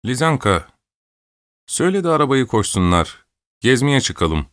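In an audiobook, a man voices an imperious, fussy old countess who peevishly scolds and bosses people around. His mid-range, fairly bright voice swings widely in pitch at normal speed, recorded in studio quality with no room sound and boosted volume.

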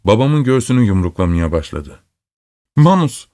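A man reading a literary story aloud in steady, measured scripted narration. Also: on the low side, no room sound, clean studio sound. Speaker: audiobook reader.

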